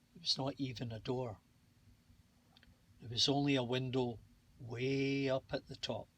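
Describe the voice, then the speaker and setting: A man reading a bedtime fairy tale aloud in a slow, calm and soothing way. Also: medium pitch. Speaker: storybook narrator. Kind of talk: bedtime story read-aloud.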